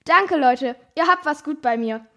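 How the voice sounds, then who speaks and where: A girl voicing a cheeky small male shapeshifter animal who hurls rough, mocking insults. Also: high-pitched, lively intonation, unhurried, a bit bright. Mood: cocky.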